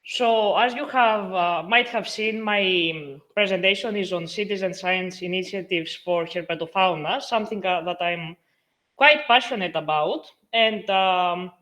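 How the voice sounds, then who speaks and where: A young woman from Greece gives an online lecture over a video call, her voice bright and clear. She talks in a friendly way, with frequent filler pauses as she explains her topic. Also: fairly low pitch. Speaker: guest lecturer.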